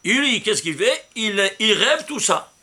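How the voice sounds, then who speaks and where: A rabbi gives a Torah commentary interpreting numbers, speaking in an unhurried, husky voice that sits high and swings widely in pitch. He is emphatic, stresses words loudly, and often puts rhetorical questions to his listeners.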